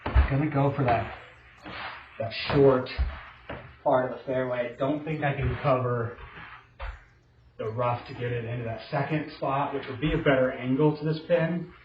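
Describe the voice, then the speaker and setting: A man, middle-aged, giving casual, low-key and self-critical golf commentary on his own play in an indoor simulator room. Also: fairly even intonation, normal speed, long pauses. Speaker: golfer narrating his own simulator round. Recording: roomy echo, slight noise, dull sound.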